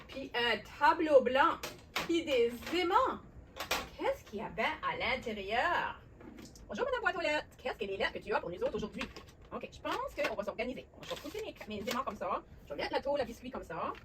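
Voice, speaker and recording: A woman with a Québécois accent, hosting a children's lesson on letters and sounds, talking warmly and encouragingly straight to the young viewer. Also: fairly high pitch, normal speed, distant mic, noisy background. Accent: Québécois French. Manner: animated, encouraging, speaks directly to the child viewer. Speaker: children's educational host.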